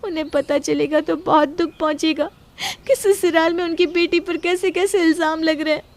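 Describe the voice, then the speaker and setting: Woman doing a young bride, high voice, earnest, pleading. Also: fairly even intonation, moderate pace.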